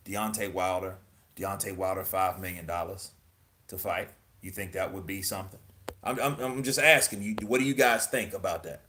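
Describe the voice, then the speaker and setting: A man's voice: fairly low pitch, bright, forceful tone. A man hosting casual boxing commentary, emphatic and profane, firing off rhetorical questions. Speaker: boxing news host.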